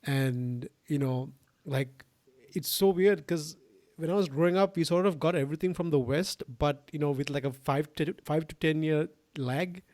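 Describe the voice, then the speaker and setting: A young man from Sri Lanka hosts a podcast in a loose, conversational way. His voice sits slightly high and sounds dry and close to the mic. His long thoughts wander through repeated "like"s and restarts. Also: moderate pace, a little mellow, no echo. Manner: rambling, many fillers and restarts. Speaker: podcast host. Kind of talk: casual interview conversation.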